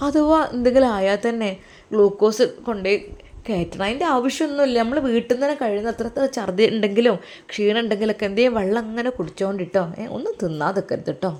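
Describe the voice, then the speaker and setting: Brief: woman playing a loving, fussy older mother from a Malappuram story, slightly high voice, tender and worried. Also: quick pace, darkish tone, close to an everyday voice. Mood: fondly fussing. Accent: Malappuram Malayalam. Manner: doting, endearments, worried advice.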